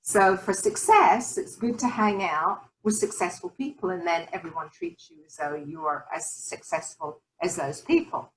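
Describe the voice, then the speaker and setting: A woman's voice: lowish voice, moderate pace, hardly any pauses, slight background noise, rough recording. An older British woman hosting a casual interview, reflective and encouraging as she talks. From Britain. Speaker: host.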